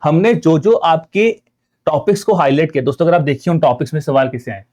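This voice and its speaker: A man with an Indian accent teaches an online exam-preparation lecture, explaining step by step, mixing in English terms and often calling his viewers friends. His voice is a little high and a little mellow, and he talks fast.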